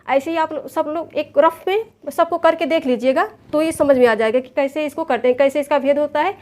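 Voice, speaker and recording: A woman's voice: high-pitched, a little fast, darkish tone. A woman, patiently teaching an exam lesson from a chart, repeating terms and counting them aloud. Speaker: Sanskrit exam coach. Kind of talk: recorded online lesson explaining a chart.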